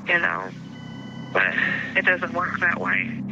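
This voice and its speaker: A woman's voice: on the low side, very animated, slow, gravelly, background noise. Woman on a prison payphone call. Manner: hesitant, leaning on "you know". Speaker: incarcerated mother interviewed for a documentary. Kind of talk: documentary interview clip. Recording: dull lo-fi phone line.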